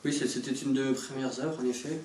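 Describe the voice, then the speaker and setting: A man's voice: mid-range voice, steady tone, quick pace, a little mellow, recorded from a distance, lightly acted. Man playing pompous intellectual film director, echoey room. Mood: defensive, lofty. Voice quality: hesitant, filler-laden delivery. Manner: pretentious, rambling, mock-modest. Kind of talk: parody interview, improvised-sounding. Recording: roomy echo, music behind.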